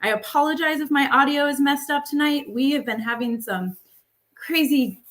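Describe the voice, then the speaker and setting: A woman hosts a live online show in a casual, upbeat way, with plenty of fillers. Her voice is bright and sits a little high. She talks into a makeshift microphone. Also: normal speed. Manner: chatty, upbeat, many fillers. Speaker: livestream host. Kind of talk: casual live webinar hosting.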